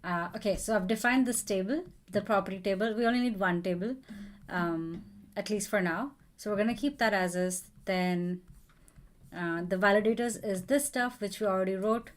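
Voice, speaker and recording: A woman's voice: mid-range voice, normal speed. A woman live-streaming a coding session, thinking aloud and chatting with viewers as she works.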